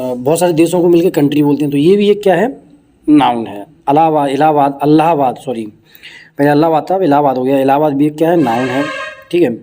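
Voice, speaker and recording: A man's voice: fairly high pitch, warm tone. A young man with a Hindi accent teaching a grammar lesson for exam students, explaining step by step and asking rhetorical questions.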